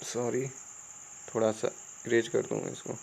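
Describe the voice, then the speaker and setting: An Indian man teaching English spelling in Hindi. He talks casually, spells words out letter by letter and keeps asking the viewers whether it is clear. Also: mid-range voice, monotone, unhurried, darkish tone, slight background noise. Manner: chatty, asks the viewers "clear?" often. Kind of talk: casual Hindi classroom explanation.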